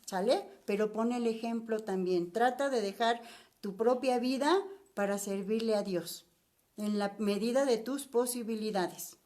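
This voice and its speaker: A woman's voice: on the high side, dark tone. An older woman with a Mexican accent, teaching a Bible study lesson in a chatty way, putting rhetorical questions to her listeners.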